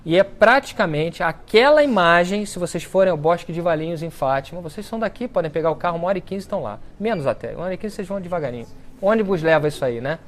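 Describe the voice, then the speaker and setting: A man giving a storytelling talk to an audience, acting out the quoted speech with lively shifts in his voice. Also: sits high, quick pace. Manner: animated storyteller who acts out quoted speech. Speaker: speaker at a book launch talk. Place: lecture event before an audience.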